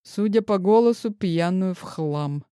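A woman's voice: medium pitch, unhurried, dark tone, clear, resonant tone, no echo, studio quality, close to an everyday voice. A woman voicing a worried, determined businessman who speaks urgently and gives commands.

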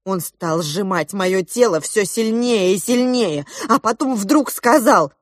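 Woman audiobook narrator, slow and expressive, dry close sound. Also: medium pitch, no echo. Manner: unhurried, expressive storytelling. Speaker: audiobook reader.

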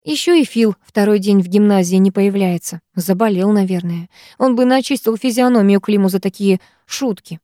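A woman reading a first-person audiobook in a lively, expressive way. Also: medium pitch, moderate pace, hardly any pauses, dry recording, studio quality. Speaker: audiobook reader.

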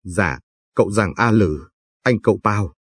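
Brief: man voicing a deferential clerk, eager to please, husky low voice. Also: expressive, measured pace, a bit bright, no room sound, clean studio sound, heavily acted. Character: fawning, nervous male clerk.

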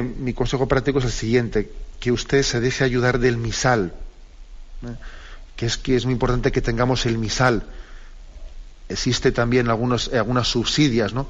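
A man, a priest, answering listeners on a live radio program, reflective and repeating phrases with little tags like "eh" and "no". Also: mid-range voice. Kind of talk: live call-in radio teaching. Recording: muffled lo-fi radio broadcast.

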